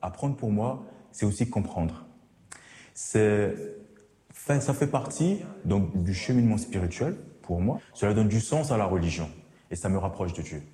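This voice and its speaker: A man's voice: lowish voice, lively intonation, dark tone. Earnest man in a roomy, echoing space. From French Guiana. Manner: earnest, measured. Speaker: theology student. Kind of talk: documentary interview. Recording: roomy echo.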